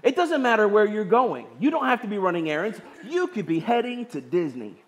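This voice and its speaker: High-voiced pastor, chatty sermon. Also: male voice, big pitch swings, brisk. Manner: conversational, asks "right?" often, acts out the complainers. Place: church sanctuary.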